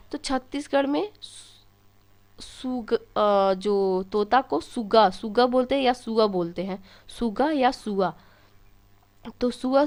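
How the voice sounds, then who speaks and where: Higher-voiced woman teaching memory tricks. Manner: storytelling, asks questions and answers them herself. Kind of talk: exam-prep lesson with memory tricks.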